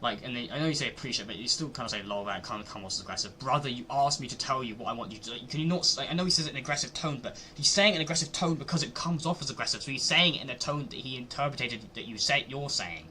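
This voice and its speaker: A man's voice: medium pitch, rapid-fire, few pauses, slight background noise. A man streaming live, reacting to a video and arguing his point over and over. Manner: argumentative, repeats himself, gets loud when annoyed.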